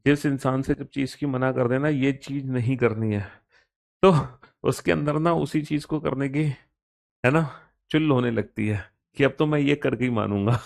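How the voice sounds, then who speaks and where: A man's voice: mid-range voice, moderate pace, creaky, a little mellow. A man with an Indian accent teaching a live online reasoning class, chatty and playful, joking with students between explanations.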